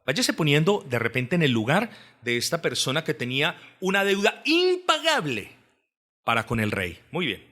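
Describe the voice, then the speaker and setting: A man's voice: a little high, huge pitch swings, normal speed, sharp tone. A man preaching an expository sermon, reading scripture with rising emphasis, repeating phrases and asking the congregation questions. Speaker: pastor.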